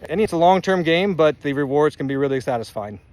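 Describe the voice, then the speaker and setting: A plain-spoken male orchard farmer gives practical, down-to-earth tips on growing fruit trees. His voice sits a little high for a man. The sound is dry and close, with no echo around him. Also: lively intonation, fast, darkish tone. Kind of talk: practical how-to advice. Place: orchard outdoors.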